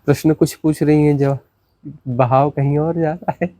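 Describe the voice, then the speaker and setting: In a warm, steady tone at normal speed, a spiritual teacher delivers a satsang discourse on a dry recording. Repetition, rhetorical questions, and dramatic shifts in pitch mark his speech.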